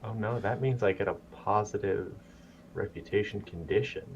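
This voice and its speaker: A man's voice: fairly low pitch, moderate pace. A man playing in a tabletop game, joking wryly during an out-of-character chat over a dull lo-fi mic. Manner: wry, joking. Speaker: player.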